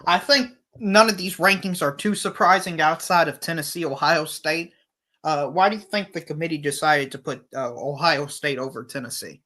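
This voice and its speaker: A man's voice: a little high, moderate pace, sharp tone. A man calling in to a sports show, casually chatting and putting questions to the host. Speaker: caller to a sports call-in show. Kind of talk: casual question-and-answer chat.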